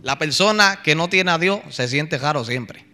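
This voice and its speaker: A man's voice: a little high, animated, moderate pace, bright, forceful tone. A man preaching a fervent, emotional testimony in a pleading manner. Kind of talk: sermon testimony.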